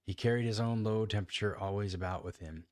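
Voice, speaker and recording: A man with a very low, deep voice reads a classic novel aloud in a dry, close sound. He trips over words now and then, restarts lines and talks to himself about how he read them. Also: fairly even intonation, fast talker, no echo. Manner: stumbles, restarts lines and comments on his own reading. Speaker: amateur reader.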